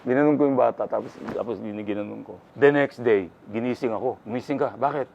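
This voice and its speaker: A man's voice: medium pitch, fast, creaky, muffled recording. An older man from the Philippines, a guest in an interview, telling his story casually and acting out the voices of the people in it.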